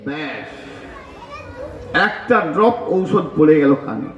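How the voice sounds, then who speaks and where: Male preacher, high voice, storytelling sermon with chant, roomy lo-fi sound. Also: moderate pace, slight background noise. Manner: acts out dialogue between characters, chants loudly. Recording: roomy, dull lo-fi recording.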